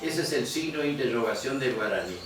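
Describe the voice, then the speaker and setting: A man's voice: mid-range voice, lively intonation, noisy background. Man teaching, echoey far room. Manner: explanatory, quizzes students, repeats words slowly. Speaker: guaraní teacher. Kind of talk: classroom lecture. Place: museum classroom.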